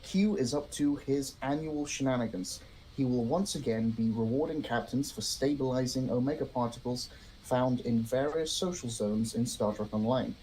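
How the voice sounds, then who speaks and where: A man's voice: medium pitch, normal speed, dark tone, a little hiss or hum, low-quality recording. Matter-of-fact man reading podcast news. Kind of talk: read-aloud news segment and casual chat.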